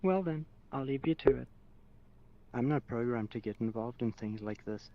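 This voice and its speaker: A cool, detached android speaks in a smooth, clinical tone, too even to sound human, as a man puts him on in a tabletop roleplay. His voice sits in a middling pitch range. The recording is dull and slightly lo-fi. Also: normal speed, natural voice. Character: calm, detached android, male.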